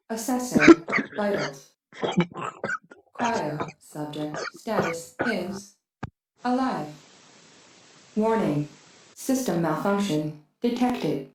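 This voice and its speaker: A rusty, malfunctioning cryo-pod computer speaks in slow, measured system announcements, its lowish voice calm and official. It sounds distant and heavily echoed, with game music playing underneath. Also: female voice.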